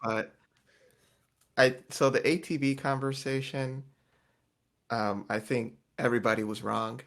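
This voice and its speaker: A man's voice: mid-range voice, unhurried. A man co-hosting a casual podcast, recapping a reality show and acting out quotes in voices. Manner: animated, acts out quotes in voices. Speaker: podcast co-host.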